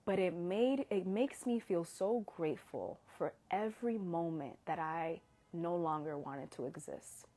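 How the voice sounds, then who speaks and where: A woman's voice: on the low side, a little slow, mellow. A woman in her thirties hosting a live stream, talking earnestly and sometimes dropping to a whisper while holding back tears. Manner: heartfelt, earnest, drops to whispers when moved. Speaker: host of an Instagram Live. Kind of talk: emotional casual live stream talk.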